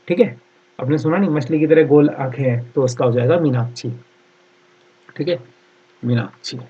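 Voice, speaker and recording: A man leads an online exam-prep class with a slightly high, husky voice. He poses each question, then drills the answer, repeating it slowly and checking in with "theek hai" after nearly every phrase. The recording is dull and lo-fi. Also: a little mellow. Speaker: exam-prep Hindi teacher.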